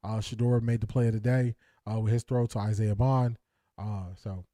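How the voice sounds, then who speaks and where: With a fairly low, mellow voice, fairly even intonation and normal speed, a sports talk show host reads viewer comments on a casual stream and answers them. No room sound is audible. He keeps restarting, using fillers, hesitating and laughing.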